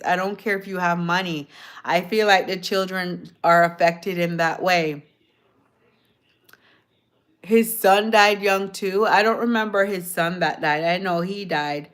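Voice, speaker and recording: Woman, livestream host, lowish voice, slow rambling chat, sounds tired. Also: fairly bright tone. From Jamaica. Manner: chatty, rambling, repeats herself. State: tired from a late night. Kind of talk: casual chat with viewers.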